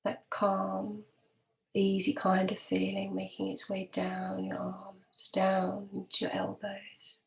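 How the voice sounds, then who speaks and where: A hypnotherapist with a mid-range voice guides a relaxation meditation, speaking in a calm, measured, gentle way, softly and sometimes breathily, with lengthy pauses.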